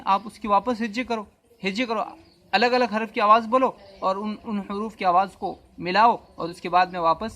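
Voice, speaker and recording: A man with a notably high voice teaches reading, sounding out each letter and repeating every word patiently. Faint noise and birdsong sit behind him. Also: fairly bright tone. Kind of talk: spelling-and-reading lesson.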